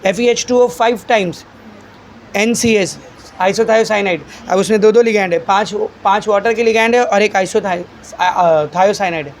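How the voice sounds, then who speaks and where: This high-voiced man teaches chemistry at an unhurried pace, with a little background noise in the recording. Calling his students "beta" in a coaxing way, he poses questions to the class and then supplies the answers himself.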